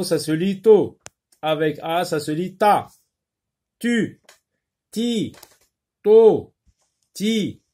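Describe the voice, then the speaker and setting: A man giving a children's phonics lesson, sounding out syllables one at a time. He speaks slowly, and his voice sits a little high and swings widely in pitch. He hesitates often and repeats each word several times. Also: darkish tone. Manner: slow, repeats words and syllables, explains in French with short Arabic asides; hesitant, many pauses and fillers. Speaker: teacher.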